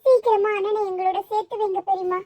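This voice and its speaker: An anxious young college girl in a cartoon, voiced very high by a woman. She talks earnestly, pleading for help. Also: fairly even intonation, fast talker, dark tone, slight background noise, low-quality recording. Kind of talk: cartoon voice acting.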